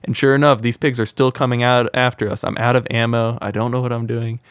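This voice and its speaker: Speaking briskly in a clear, resonant, medium-pitched voice, a young wildlife content creator shares wild anecdotes during a casual podcast interview, leaning heavily on "like." The clean studio sound has no echo.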